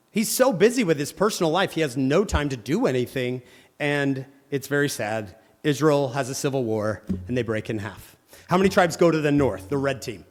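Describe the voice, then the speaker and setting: Man, church speaker, lively joking delivery, quizzes the crowd, slightly high voice, long hall reverb. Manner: energetic, joking, quizzes the audience. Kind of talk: lively scripture talk to a congregation.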